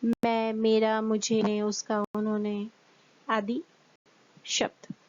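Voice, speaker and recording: A woman teacher explaining a grammar lesson to children, slowly and clearly, asking them questions as she goes. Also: a little high, monotone, a little mellow. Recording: dull, dry lo-fi recording.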